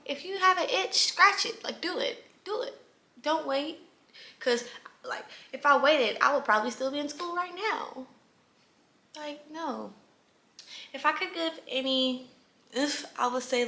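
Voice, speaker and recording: Chatty young woman, bright echoey voice. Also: on the high side. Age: young adult. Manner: animated, chatty, with sudden whispered asides. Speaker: vlogger. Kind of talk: casual storytime vlog. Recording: echoey room with faint ambience.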